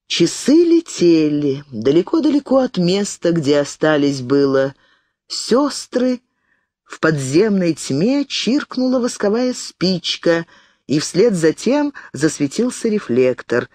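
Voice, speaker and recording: A woman narrating a literary audiobook with expressive storytelling. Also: lowish voice, takes it slowly, no room sound, clean studio sound.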